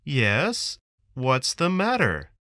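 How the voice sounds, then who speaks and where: A man with an American accent reading textbook dialogue questions for language learners, enunciating clearly. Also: medium pitch, huge pitch swings, drawn-out words, bright, forceful tone, no echo, studio quality. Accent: General American. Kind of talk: slow scripted textbook reading.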